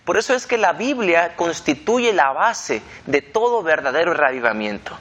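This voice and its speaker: A man's voice: a little high, very animated, a bit bright. Earnest man hosting a discussion. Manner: earnest, measured, repeats for emphasis. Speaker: host. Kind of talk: relaxed panel discussion hosting.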